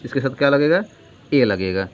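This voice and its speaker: A male grammar teacher giving a lesson, asking questions and answering them himself and repeating key terms slowly. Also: medium pitch, animated. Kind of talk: classroom-style grammar lesson. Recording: dull lo-fi sound with faint noise.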